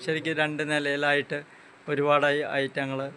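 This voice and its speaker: Guy interviewing people in a big showroom, kinda high voice, keeps telling them to talk louder, little background hum. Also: little pitch movement, moderate pace. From Kerala. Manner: leading questions, often urges guests to speak up. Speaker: interviewer at a store visit. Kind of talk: casual promotional interview. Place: large indoor showroom.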